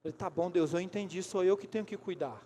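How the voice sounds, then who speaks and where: A man preaching a sermon in a Brazilian Portuguese accent, telling stories and acting out dialogue, moving from hushed asides to loud outbursts. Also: high-pitched, fast, a little hiss or hum. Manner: animated, acts out dialogue, swings from hushed to loud. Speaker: bishop. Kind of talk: sermon with storytelling. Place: church sanctuary.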